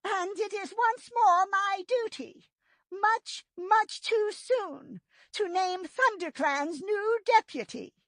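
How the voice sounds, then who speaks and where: A woman's voice: very high-pitched, animated, slow pace, fairly bright tone, no room sound, pitched above the performer's own voice, exaggerated voice. A woman voicing a weary female cat clan leader in a storybook, with a tired voice cracked with sadness and a solemn, formal delivery. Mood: solemn grief.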